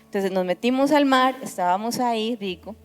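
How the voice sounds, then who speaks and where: A woman giving a testimony at a church service, telling her story in an animated way with frequent restarts. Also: a little high, moderate pace, in a large hall, soft background music. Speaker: pastor.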